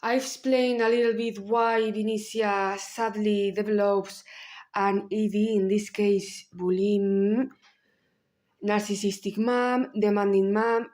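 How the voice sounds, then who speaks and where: A woman's voice: medium pitch, flat delivery, takes it slowly, darkish tone. A woman in her thirties with a Spanish accent, giving a candid film analysis with blunt asides. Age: 30s. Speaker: video essayist.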